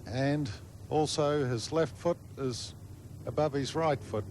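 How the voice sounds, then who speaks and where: A man giving live golf commentary, explaining play in measured, short phrases. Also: medium pitch, darkish tone, a little hiss or hum.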